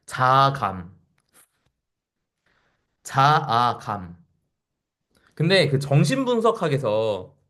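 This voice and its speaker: A man's voice: mid-range voice, a bit bright. A man in his forties giving a lecture to a live audience, often asking the listeners questions and acting out quoted voices. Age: 40s.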